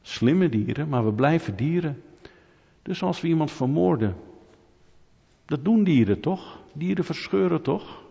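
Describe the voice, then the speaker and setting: A man preaching to his congregation, throwing rhetorical questions at the room and teasing people in the pews. His voice sounds slightly husky and rings out with a long reverb through a church hall. The sound is dull and muffled. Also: fairly high pitch, unhurried. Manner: lively, rhetorical, asks the audience questions, jokes with them. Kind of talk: sermon.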